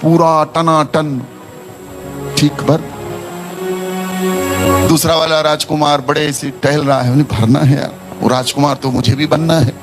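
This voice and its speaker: Male preacher, slightly high voice, lively sermon storyteller, calls for responses, soft music underneath. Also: measured pace, pauses often. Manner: animated, asks the congregation to repeat phrases.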